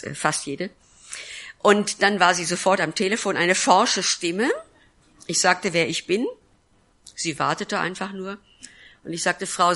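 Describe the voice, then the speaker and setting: Woman, pastor, sermon testimony, earnest storytelling, bright and forceful, lowish pitch. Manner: earnest storytelling with acted-out quotes.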